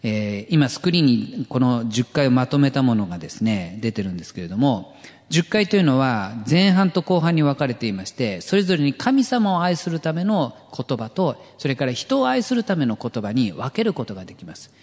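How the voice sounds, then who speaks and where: A man preaching a sermon as pastor, earnest and gently humorous, often letting phrase ends drop to a whisper. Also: medium pitch, sing-song, fairly quick, in a large hall. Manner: light jokes for the congregation.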